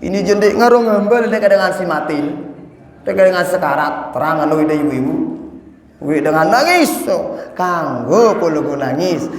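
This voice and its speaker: A man preaching an animated sermon, speaking straight to his congregation and chanting lines of the creed. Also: fairly high pitch, normal speed. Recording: echoey hall.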